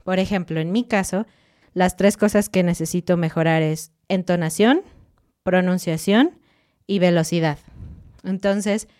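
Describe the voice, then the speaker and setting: Woman cohosting a spanish podcast, smooth clear voice, a bit low, explains step by step. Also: a little mellow. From Mexico. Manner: clear, explanatory, lightly joking. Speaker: podcast co-host and Spanish teacher. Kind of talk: casual educational podcast chat.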